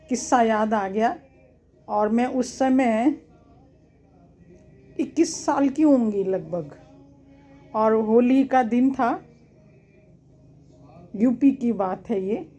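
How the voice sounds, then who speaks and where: A woman's voice: a little high, dark tone. A woman telling a personal family memory in a homely storytelling way, acting out the quotes of her relatives.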